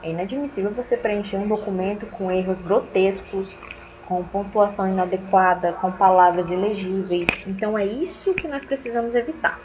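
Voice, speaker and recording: A woman teacher with an Acre Brazilian accent, giving a casual online lecture in a chatty, expressive, opinionated way. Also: mid-range voice, normal speed, lo-fi sound, background noise. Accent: Acre Brazilian Portuguese.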